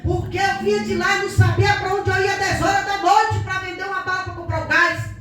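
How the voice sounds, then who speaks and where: A woman's voice: very high-pitched, flat delivery, fairly quick, a bit bright, soft background music. A woman pastor preaching an emphatic, fervent sermon with testimony in a church. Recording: echoey church hall from far off, noisy.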